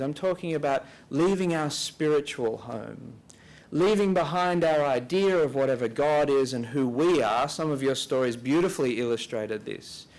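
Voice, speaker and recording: A man at a church briefing day gives a slow, calm reflective talk and leads listeners through a quiet guided prayer. He pauses between phrases, and his voice sits at an ordinary middle pitch. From Australia.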